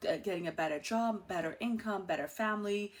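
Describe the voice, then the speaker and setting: Bubbly and outgoing, a woman in her thirties from Iran hosts a casual personal monologue, speaking with an Iranian accent and laughing easily. Her voice is medium-pitched and fairly quick.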